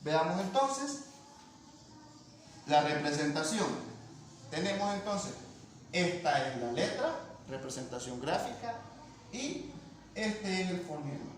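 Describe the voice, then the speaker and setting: A man's voice: fairly high pitch, expressive, a little slow. A man teaching a language lesson, explaining patiently and checking in with his students. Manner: patient, repeats points and asks ¿verdad?. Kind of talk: classroom lesson explaining phonetics. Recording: echoey room with faint noise.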